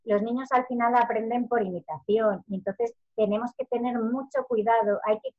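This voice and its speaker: A woman's voice: a little high, steady tone, moderate pace, phone-quality sound. A woman in her thirties from Spain, a parenting educator chatting in an interview and acting out quoted lines as she tells stories. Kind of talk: casual interview talk.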